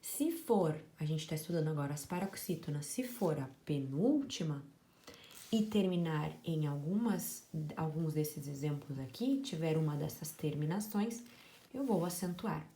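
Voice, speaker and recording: A woman teaching a grammar lesson in a low, mellow voice. She explains slowly and patiently and lingers on each example word so that it is clear. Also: animated. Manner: slow, explanatory, stresses example words. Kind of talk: classroom lesson on word stress.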